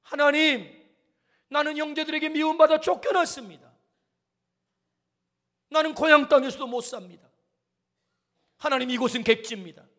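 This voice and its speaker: A man's voice: very high voice, normal speed, pauses often, a bit bright, pitched above the performer's own voice. A man preaching in Korean voicing a desperate outcast man praying to God, with urgent, rising pleas. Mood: pleading. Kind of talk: sermon re-enactment.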